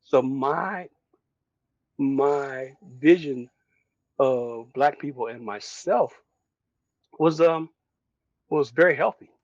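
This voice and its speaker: An older man from Detroit, a guest who reflects on his upbringing in an unhurried, storytelling way, with frequent chuckles. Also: mid-range voice, dry recording, lo-fi sound. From Detroit, USA. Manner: reflective storyteller, chuckles often, restarts phrases. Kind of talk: relaxed career interview.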